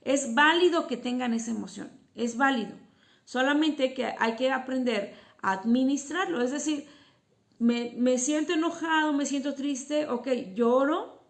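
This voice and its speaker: Gravelly-voiced woman teaching about emotions. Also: sits high, measured pace. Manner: explanatory, with rhetorical questions. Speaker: psychotherapist and teacher. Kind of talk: informal educational talk to parents.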